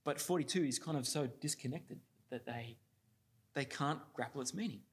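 Male preacher, mid-range voice, halting delivery, fillers. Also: mid-range voice, husky. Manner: reads scripture steadily, then preaches with many fillers and restarts. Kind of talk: sermon with scripture reading.

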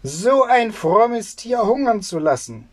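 A reader voicing an old, short-tempered tailor in a fairy tale read aloud, scolding his sons loudly. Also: mid-range voice, measured pace, close to an everyday voice. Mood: furious. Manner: scolding outbursts.

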